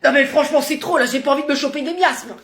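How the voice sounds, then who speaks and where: High-voiced woman acting comic sketches. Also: quick pace, fairly bright tone. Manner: exaggerated, exclamatory.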